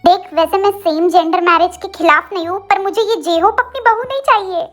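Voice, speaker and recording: A bossy, emotional mother and grandmother who scolds and dramatizes everything, played by a woman narrator. Her voice sits very high, with soft music under the storybook narration. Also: brisk. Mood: scolding. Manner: scolding, theatrical.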